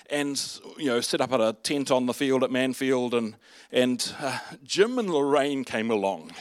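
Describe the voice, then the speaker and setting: Halting New preacher, dry sound. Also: male voice, a little high, no room sound. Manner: conversational, halting with restarts and fillers. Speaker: pastor. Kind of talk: sermon.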